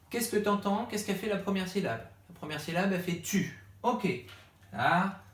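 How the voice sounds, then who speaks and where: A male primary school teacher explaining a reading lesson to parents step by step, patiently acting out the questions to ask the child. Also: high voice. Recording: echoey room.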